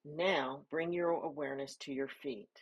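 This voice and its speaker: A woman leading a guided body scan meditation, giving soft, calm instructions with pauses between phrases. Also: low-pitched, slightly rough, low-quality recording.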